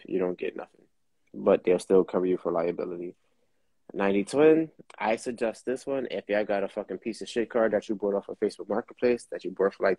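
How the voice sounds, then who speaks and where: A man's voice: deep voice, creaky, warm tone, breathy edge, no room sound. A man hosting a casual chat, explaining things in a blunt, profane, laid-back way. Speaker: host.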